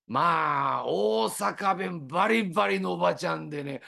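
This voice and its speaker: A man with an Osaka Kansai accent preaching a sermon, his pitch on the higher side and moving a lot. He talks casually and tells stories along the way. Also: measured pace, creaky. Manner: conversational, lively storytelling with quoted voices.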